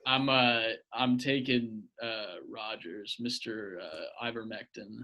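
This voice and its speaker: A man's voice: fairly low pitch, fairly even intonation, slow pace, pushed and bright, muffled recording. A young man co-hosting a casual podcast, cracking crude jokes and trailing off into fillers. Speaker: podcast co-host. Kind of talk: casual chat.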